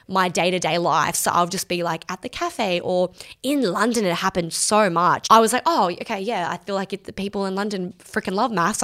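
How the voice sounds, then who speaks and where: A woman's voice: mid-range voice, fairly bright tone. A young woman in her twenties hosting a solo Q&A podcast, chatting casually and using "like" a lot. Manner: chatty, filler-heavy with lots of "like". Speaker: podcast host.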